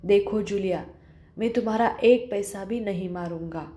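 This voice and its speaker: A woman teacher reading the part of an angry middle-aged male employer who shouts and stammers with rage. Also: mid-range voice, moderate pace, close to an everyday voice. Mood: calmer. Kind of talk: reading a one-act play aloud.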